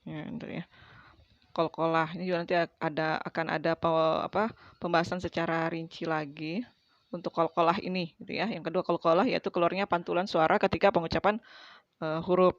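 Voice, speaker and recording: A woman's voice: fairly low pitch, flat delivery, a little fast, no echo, muffled recording. Chatty woman teaching letter sounds. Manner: chatty, demonstrates letter sounds, frequent fillers. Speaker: Quran recitation teacher. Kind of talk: casual tajwid lesson.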